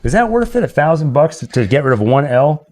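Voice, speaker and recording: His fairly high voice has a darkish tone and big pitch swings, moving fairly quickly as he hosts a casual livestream with storytelling, a quiz, and playful asides to the chat. Background music is audible.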